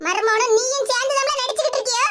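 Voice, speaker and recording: This is a woman acting out a fierce old mother in a cartoon comedy. She has a southern Tamil accent and a shrill, very high voice. She talks fast and accusingly, over loud background noise. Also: steady tone. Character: fierce old mother, scolding her son.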